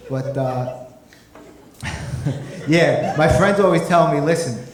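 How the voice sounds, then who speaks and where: On a club stage, a man does stand-up into a handheld mic, speaking extremely slowly in a voice on the high side. He keeps it conversational and sprinkles in "you know," while the roomy recording catches loud audience laughter.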